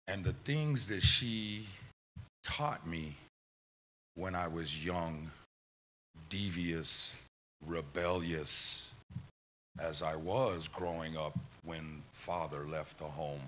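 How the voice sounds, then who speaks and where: A middle-aged man giving an emotional eulogy for his mother at a church memorial, halting and telling stories. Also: low voice, pushed and bright. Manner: halting, tearful storytelling, quoting his mother. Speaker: eulogy speaker, son of the deceased.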